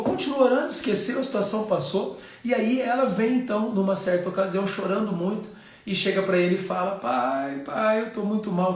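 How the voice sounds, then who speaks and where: A Brazilian Portuguese-accented man preaching a sermon as a pastor, earnest and repeating his phrases. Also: high voice. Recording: very echoey room.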